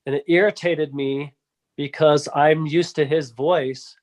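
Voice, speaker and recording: A man's voice: on the high side, fairly even intonation, measured pace, darkish tone. A man chatting casually on a podcast, rambling with many restarts and fillers. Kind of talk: casual chat.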